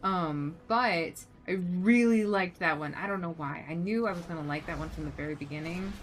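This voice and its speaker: A woman's voice: on the low side, moderate pace, a little hiss or hum. A woman game streamer chatting casually and thinking aloud as she plays, her delivery swinging between muttering and exclaiming. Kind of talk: casual gaming livestream chat. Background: music behind the voice.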